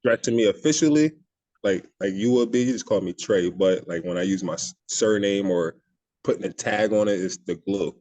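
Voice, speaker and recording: A man chatting casually as a podcast guest, high, with a laid-back stoner way of talking. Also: fairly quick, dark tone, dry recording. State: high on marijuana. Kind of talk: casual chat.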